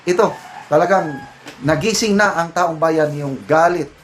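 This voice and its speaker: A man with a Filipino accent talks politics in a casual, opinionated way, slipping English phrases into his sentences. His voice sits a little high for a man. A faint hiss of background noise runs under the recording. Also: measured pace, poor audio. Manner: opinionated, animated, mixes English into talk. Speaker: political commentator.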